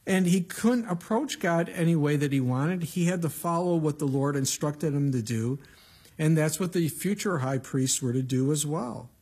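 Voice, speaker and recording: A man's voice: fairly high pitch, normal speed, darkish tone, slightly rough. A male pastor giving an evening Bible-teaching sermon into a pulpit microphone, preaching in a conversational, plain-spoken way with emphatic asides.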